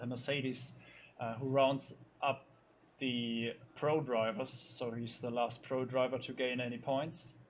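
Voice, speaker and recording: A man's voice: mid-range voice, slight background noise. A man commentating a sim racing league, loosely going over the results with many fillers and restarts. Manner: loose, hesitant, lots of fillers. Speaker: race commentator.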